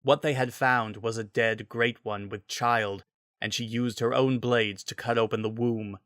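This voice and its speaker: A man's voice: mid-range voice, fairly even intonation, measured pace, a bit bright, no room sound, studio quality. A man reading a scripted story as its narrator, in a dramatic style.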